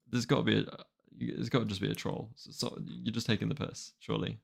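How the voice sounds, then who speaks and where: A man's voice: fairly low pitch, little pitch movement, moderate pace, creaky, slightly rough. A twenty-year-old man chatting casually and wryly to a live-stream audience, rambling and exasperated. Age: 20s. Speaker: manga reaction streamer.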